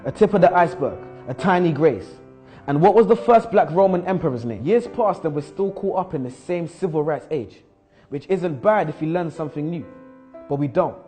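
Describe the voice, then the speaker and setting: Young man acting a bold student, rhyming, higher-pitched. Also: expressive, moderate pace, a little mellow, faint music behind, natural voice. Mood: proud, insistent. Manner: rhyming, rhetorical, insistent. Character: bold, frustrated male school student challenging his teacher. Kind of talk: spoken-word poetry monologue.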